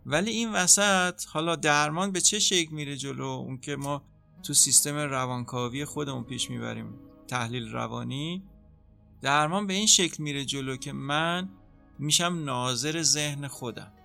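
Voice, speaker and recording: A man speaking as a psychotherapist in an interview, calmly explaining how treatment works and acting out what a therapist says. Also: fairly high pitch, gravelly, soft background music. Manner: calm, explanatory, acts out therapist dialogue. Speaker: psychotherapist guest.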